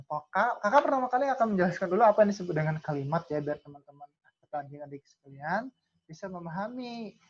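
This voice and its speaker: A woman tutor teaching an online class, filling her talk with "nah" and asking and answering her own questions. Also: low-pitched. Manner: calls herself Kakak, many "nah" fillers, asks and answers own questions. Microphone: video call. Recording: lo-fi video call audio.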